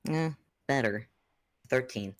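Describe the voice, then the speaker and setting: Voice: mid-range voice, expressive, slow pace, background noise. A player in a casual tabletop role-playing game, laid-back and hesitant, thinking aloud.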